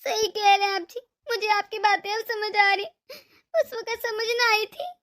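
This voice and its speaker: A woman's voice: very high voice, moderate pace, fairly bright tone. A woman voicing a remorseful older mother-in-law in a cartoon, pleading for forgiveness. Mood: contrite. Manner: tearful, pleading. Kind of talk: cartoon voice acting.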